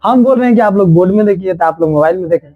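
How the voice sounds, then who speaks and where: A man's voice: high voice, narrow, tinny audio. A man teaching a classroom grammar lesson, repeating each rule phrase by phrase and scolding and joking with his students. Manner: drills rules slowly, repeating each phrase.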